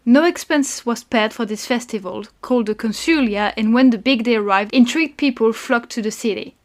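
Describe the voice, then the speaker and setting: A woman co-hosting a podcast who reads out history in a measured storytelling way, dropping dry asides. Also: on the high side. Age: adult parent. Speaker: podcast co-host narrating history. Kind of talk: read-aloud history narration with banter.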